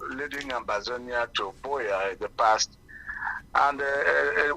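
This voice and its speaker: A man's voice: medium pitch, pushed and bright, a little hiss or hum, rough recording. A man calling in on a speakerphone while driving, talking hesitantly with many fillers and restarts. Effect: car speakerphone call. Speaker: caller. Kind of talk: call-in radio talk. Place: car.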